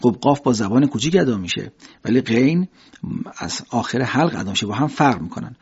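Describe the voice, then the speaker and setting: A man teaching the pronunciation of Quranic letters, explaining step by step and slowly demonstrating each sound. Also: medium pitch, animated, a little mellow, husky. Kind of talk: pronunciation lesson. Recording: dull lo-fi recording.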